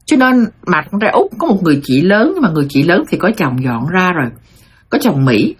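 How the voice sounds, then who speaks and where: A middle-aged woman hosting a show, retelling a listener's life story to her audience in a lively storytelling monologue. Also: lowish voice, fairly quick, slightly rough. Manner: addresses audience as "thưa quý vị", animated retelling.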